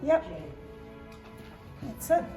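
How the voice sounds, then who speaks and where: A woman with a New Zealand accent leading an informal hands-on demonstration, encouraging and conversational. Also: drawn-out words. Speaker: workshop teacher. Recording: echoey room, loud music over voice.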